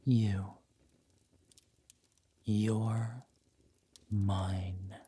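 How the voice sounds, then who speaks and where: A man playing a menacing, possessive villain warlord and protective lover in a scripted roleplay audio drama, speaking deliberately and commandingly, dropping into breathy murmurs. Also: on the low side, flat delivery, dark tone, full character voice. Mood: possessive, vengeful.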